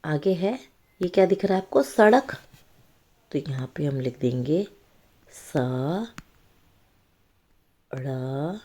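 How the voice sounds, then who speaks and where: In a low-pitched, warm and expressive voice, a woman leads a children's reading lesson. She takes the worksheet step by step, explaining slowly and asking the listener often whether they're with her.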